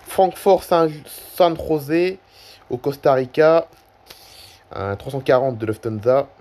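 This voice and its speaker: A man's voice: medium pitch, animated, slow, a little mellow. Rambling man narrating his screen. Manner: rambling, hesitant, self-correcting. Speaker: YouTuber. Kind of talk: casual screen-recording commentary.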